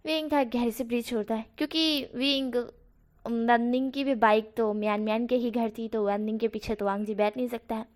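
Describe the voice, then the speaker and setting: A woman with a high voice narrates a fan fiction story. She tells it casually and conversationally, correcting herself as she goes. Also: steady tone, a little fast.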